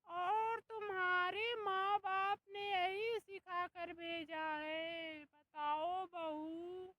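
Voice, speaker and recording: Shrill, slow-scolding mother-in-law, a woman doing the voice, bright and high. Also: exaggerated voice.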